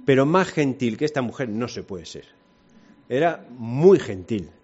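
A man's voice: mid-range voice, expressive, measured pace, a little mellow, slightly rough. A man giving a conversational sermon, retelling a Bible passage and asking his listeners questions. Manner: conversational, rhetorical questions, retells scripture with voices. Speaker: preacher. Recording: dull lo-fi sound.

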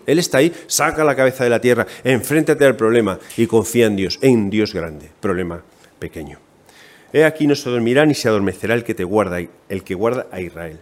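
Animated Spanish preacher, man. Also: medium pitch. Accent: Spain Spanish. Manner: animated, conversational preaching with rhetorical questions. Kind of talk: sermon.

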